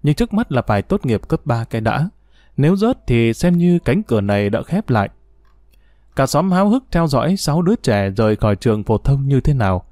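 A man reading an audiobook story aloud in a steady, even way, at a middling pitch. His voice is recorded close and dry, with no room sound. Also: a little fast, no echo. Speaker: narrator.

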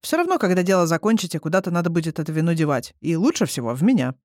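A reader voicing a drunken, boastful male demon lord who talks slowly and bossily. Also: medium pitch, big pitch swings, a little mellow, dry recording, studio quality, natural voice. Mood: easygoing. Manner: commanding, slurred and slow. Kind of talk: audiobook character reading.

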